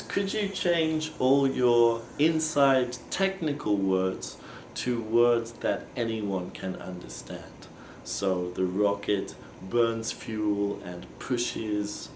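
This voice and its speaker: Man, language teacher, slow and patient delivery, echoey room. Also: fairly low pitch, a little hiss or hum. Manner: slow, patient, modelling example phrases. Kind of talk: explaining English phrases. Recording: echoey room with faint ambience.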